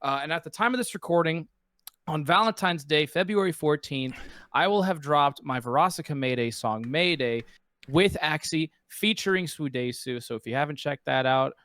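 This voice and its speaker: A man's voice: medium pitch, a little fast, no echo, clean studio sound. A man appearing as a guest on a chat show, joking around and plugging his music. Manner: joking, self-promoting, animated laughs. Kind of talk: casual chat.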